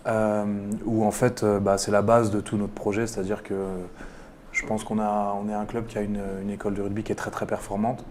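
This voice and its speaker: A man in his thirties, a rugby coach, answering interview questions on the radio with many pauses and restarts. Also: on the low side, flat delivery, a little mellow, slight background noise. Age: 30s. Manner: hesitant, many fillers and restarts.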